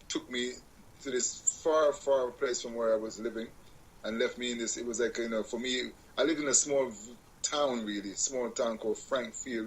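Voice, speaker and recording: On a radio show, a guest musician from Jamaica talks through his life story loosely, stopping to correct himself and chuckling at his own jokes in this casual interview. His voice sits in the mid range, and the low-quality recording carries a bit of hiss or hum.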